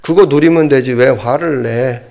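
A man voicing a calm, patient wife. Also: medium pitch, creaky. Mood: patient reasoning. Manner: slow, steady, point-by-point. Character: calm wife patiently reasoning with her husband.

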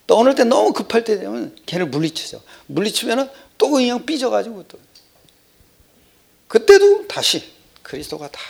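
An older man delivers a sermon with a rough, gravelly, somewhat husky voice. His pitch rises and falls a great deal and sits a little high for a man. He rambles conversationally, shifting from loud exclamations to hushed, whispered asides. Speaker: preacher.

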